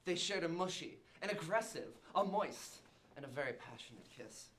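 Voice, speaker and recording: A young male host reads a ridiculous scripted tale with mock-dramatic flair. His voice sits a little high for a man. He co-hosts with a partner on a student show. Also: sing-song, moderate pace, a bit bright, a little hiss or hum. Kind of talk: reading a scripted comic tale.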